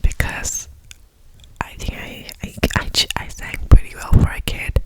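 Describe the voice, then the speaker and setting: Young woman in a cupped-hand ASMR whisper. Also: a little slow. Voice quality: breathy whisper. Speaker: ASMR host. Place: alone in a room at home.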